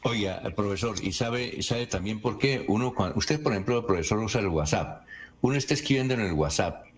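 A man hosting a morning radio show, reading out listener questions and chatting with his guest in a halting, conversational way. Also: lowish voice, animated. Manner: conversational, halting with restarts when asking. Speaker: radio host.

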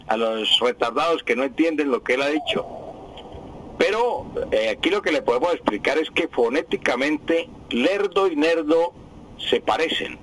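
Husky-voiced Colombian radio teacher. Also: male voice, mid-range voice, a bit bright, low-quality recording. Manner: slow, repetitive explaining with many fillers. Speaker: radio language teacher answering listeners. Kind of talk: explanatory radio talk.

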